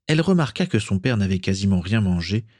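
A man reading a story aloud as narrator, steady and measured. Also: on the low side, no echo, clean studio sound.

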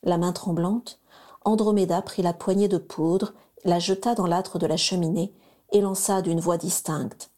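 A woman narrating a children's story aloud in a smooth, even storytelling manner. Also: medium pitch. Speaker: reader.

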